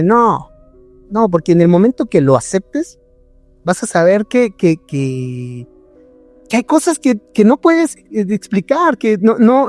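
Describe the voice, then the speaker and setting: A man's voice: high-pitched, a little mellow, no room sound. A man with a Mexican accent talking casually on a podcast, hesitant and full of fillers and restarts. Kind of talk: casual conversation.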